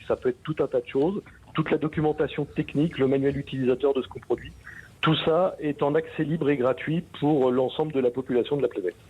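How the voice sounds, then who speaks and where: A man from France who founded an association, explaining things calmly in a radio interview. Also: mid-range voice, husky, narrow, tinny audio. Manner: explanatory, easygoing.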